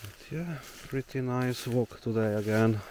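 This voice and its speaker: A man's voice: mid-range voice, a little slow, a little mellow. A young man from Slovenia with a Slovenian accent, casually vlogging and thinking aloud while hiking through a forest. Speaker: solo traveler vlogger. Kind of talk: casual walking vlog. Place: forest outdoors. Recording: noisy outdoor nature ambience.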